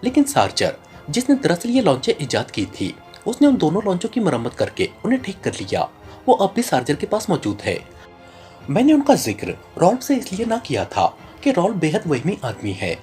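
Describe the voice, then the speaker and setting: A mid-range, darkish voice with huge pitch swings delivers an audiobook character reading at normal speed over faint music. The narrator portrays a ruthless male crime boss turned informant, giving long, earnest explanations.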